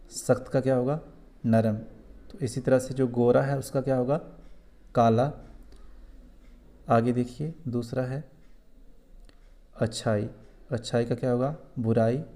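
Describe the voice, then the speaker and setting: A man's voice: mid-range voice, warm tone. A man with a Kashmiri accent who teaches a school lesson, explaining answers patiently and repeating points for young students.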